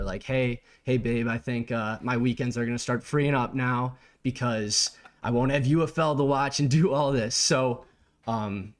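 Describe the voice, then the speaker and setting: A young man co-hosting a sports podcast, telling a long story in an animated, exasperated way. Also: medium pitch. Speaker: podcast co-host.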